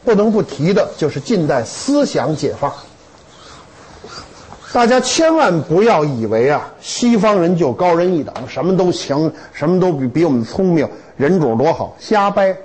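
A man lecturing to students in a lively, humorous way, with stories and rhetorical questions. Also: a little high, slightly rough, low-quality recording.

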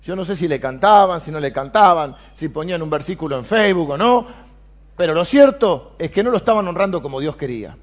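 A man with a Rioplatense Spanish accent, preaching a sermon and reading scripture aloud with animated emphasis. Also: a little high, fairly quick. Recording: dull lo-fi sound.

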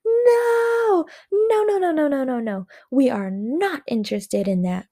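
A woman voicing an excited young boy in a read-aloud story, with high, shrieking protests. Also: measured pace. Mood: protesting. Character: excited young boy who loves power sticks.

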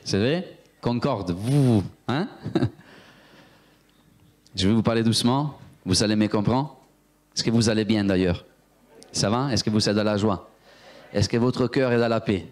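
Animated preacher man. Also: on the low side. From Italy. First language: Italian. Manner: animated storyteller, acts out voices, talks to the congregation. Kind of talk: sermon with personal testimony.

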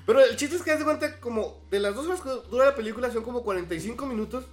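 A man's voice: very high-pitched, very fast. A young man with a Mexican accent animatedly retelling films in casual chat, swearing freely.

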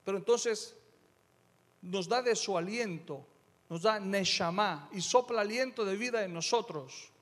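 A middle-aged man preaching a sermon as pastor, emphatic, moving between quiet asides and loud declarations. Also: sits high, unhurried, in a large hall.

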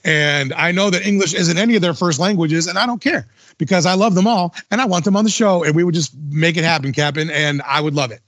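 A man's voice: on the high side, fast, fairly bright tone, dry recording, studio quality. A man hosting a podcast in casual chat, enthusiastic and full of slang like dude and bro. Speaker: podcast host.

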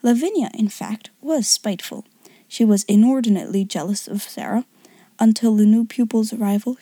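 A woman narrates an audiobook in a soft, half-whispered voice. Her tone is dark and mellow, breathy and husky, and the recording is close and dry with no room sound. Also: medium pitch, dry recording.

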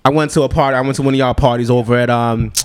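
A man's voice: medium pitch, rapid-fire, smooth. A man in his thirties hosting a casual chat, telling stories in a joking, slangy way. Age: 30s. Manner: animated, joking, slangy storytelling. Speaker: podcast host.

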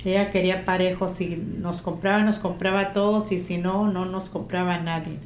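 A middle-aged mother reminisces about her childhood with a strong, low-pitched voice and brings old conversations to life as she tells them. The room is echoey, with faint ambient noise underneath. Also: a little fast. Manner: animated, strong voice, acts out remembered dialogue. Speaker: interviewee, mother of the interviewer. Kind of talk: casual family storytelling.

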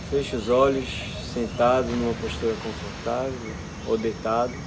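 A man with a Brazilian accent leading a guided relaxation meditation, speaking calmly and soothingly in short, spaced-out instructions. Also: mid-range voice, moderate pace, noisy background. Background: music behind the voice.

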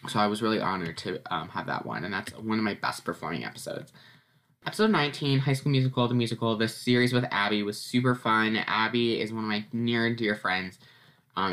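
A teenage boy hosts his own podcast, giving a casual solo recap in an upbeat, chatty way full of ums and little laughs. His voice is on the low side with a fairly bright tone, and he sounds a bit congested and sniffly.

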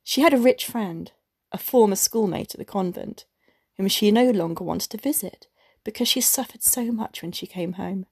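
Female narrator for a classic short story; measured and expressive, husky tone, dry. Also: mid-range voice, no echo. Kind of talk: scripted narration.

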